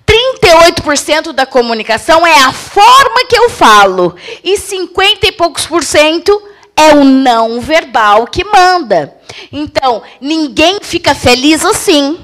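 A woman giving an animated live talk on communication, acting out examples as she goes. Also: high-pitched, unhurried. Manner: animated, acts out examples in put-on voices. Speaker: guest speaker on communication. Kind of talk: lively live-stream talk.

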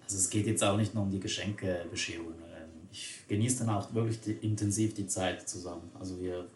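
Man from Spain, casual chat, low voice, echoey room, hesitant delivery. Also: steady tone, brisk, darkish tone, slight background noise. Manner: chatty, hesitant with many fillers. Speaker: conversation partner.

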